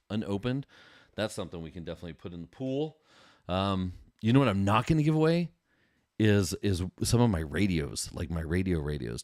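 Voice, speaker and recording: A middle-aged American man with a low, darkish voice hosts a casual solo livestream chat like a podcast. The recording is dry and close, and he talks informally with enthusiasm and lots of casual slang.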